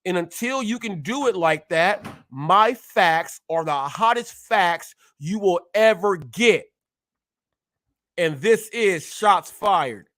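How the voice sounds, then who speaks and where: A man in his forties hosts his own live show, boasting and calling out his critics head-on. He stutters now and then, and his voice sits high while he takes his time with the words. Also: lively intonation, slow pace, fairly bright tone. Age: 40s. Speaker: host. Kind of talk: ranting live-stream commentary.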